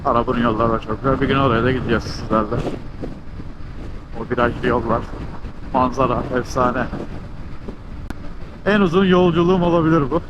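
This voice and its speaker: Speaking at medium pitch, fairly quickly but with long pauses, a man from Turkey chats upbeat and casual while riding his motorcycle outdoors, voice slightly muffled inside his helmet. He talks to viewers and to the bike itself. Wind and engine noise fill the helmet mic, with vehicle sounds in the background.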